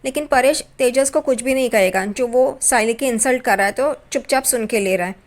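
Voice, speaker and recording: Woman casually recapping a serial, fairly high voice. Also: fairly quick. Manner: retells scenes, voicing quoted lines with small pitch lifts. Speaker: narrator recapping a TV serial episode. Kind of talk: casual spoken recap narration.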